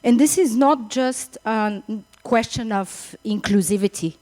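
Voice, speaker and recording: A middle-aged woman with a Bulgarian accent gives the opening speech at a summit, her phrasing hesitant and her words sometimes repeated. She speaks at a measured pace in a slightly high, darkish voice.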